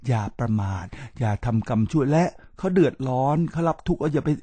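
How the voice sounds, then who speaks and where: A middle-aged man hosts a spoken talk show, lecturing his listeners in a preachy tone and speaking to them directly again and again. His voice is dark and a little husky, a touch higher than most men's. It is recorded close and dry with no room sound. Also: expressive, a little fast, no room sound. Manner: preachy, repeats address to listeners, spells out English terms. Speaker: podcast host.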